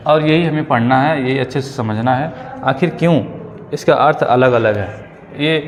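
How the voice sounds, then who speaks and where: A male teacher giving an exam-prep grammar lesson, repeating key phrases slowly and checking in with his students. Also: a little high. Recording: long reverb, faint ambient noise.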